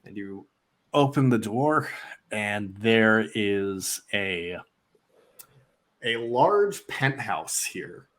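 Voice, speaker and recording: A man narrating as the game master of a tabletop game, relaxed and rambling with many fillers. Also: fairly low pitch, very slow, pauses often.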